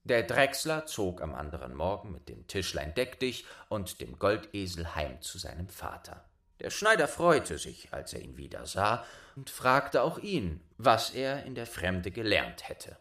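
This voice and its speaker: Slow, expressive male fairy tale reader. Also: sits low. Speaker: storyteller.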